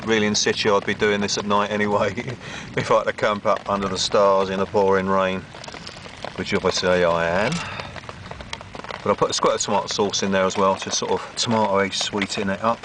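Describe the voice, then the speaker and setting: Deep-voiced man chatting at a camp stove. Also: background noise. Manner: chatty, rambling, cheerful, with "me" for "my". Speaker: outdoor cooking vlogger. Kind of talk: casual camp cooking commentary. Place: under a tarp in rainy woods at night.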